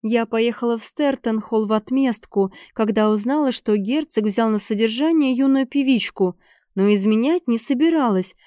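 A woman's voice: fairly high pitch, moderate pace, warm tone, dry recording, clean studio sound, lightly acted. A woman reading an anxious, impulsive young noblewoman in an audiobook, speaking in breathless, rising exclamations. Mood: earnest.

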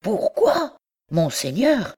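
A woman's voice: mid-range voice, sing-song, extremely slow, mellow, slightly rough, voice pushed up, full character voice. A woman doing an old bookseller who stammers over his treasures. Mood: fretful. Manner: stammering, pleading, feverish.

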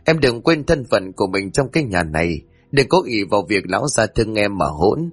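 A man's voice: on the low side, big pitch swings, a little fast, slightly rough, dry recording, soft background music. A man voicing a jealous, haughty middle-aged second wife who scolds sharply. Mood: indignant.

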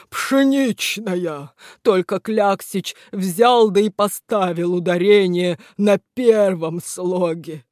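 A woman voicing a giant male statue that speaks tearfully in a slow, drawn-out way. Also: medium pitch, darkish tone, no echo, studio quality. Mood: phlegmatic.

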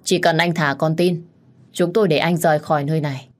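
Woman voicing a brisk police negotiator. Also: deep voice, fairly even intonation, lightly acted. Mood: negotiating. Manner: firm, brisk, official. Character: calm police officer negotiating for a hostage.

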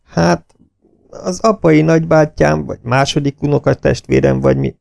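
A man voicing a young woman in an audiobook, raising his pitch for her lines. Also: fairly even intonation, vocal fry, darkish tone, no room sound, studio quality. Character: young woman, anxious but cooperative.

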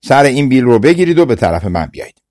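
A man voicing an old witch who shouts her demands over a storm, in a dry studio audiobook recording. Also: mid-range voice, very animated, dry recording, close to an everyday voice. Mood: demanding.

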